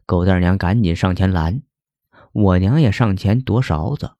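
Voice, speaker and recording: A man's voice: sits low, moderate pace, dark tone, dry recording, muffled recording. A man narrating a folk ghost story in a plain, conversational way.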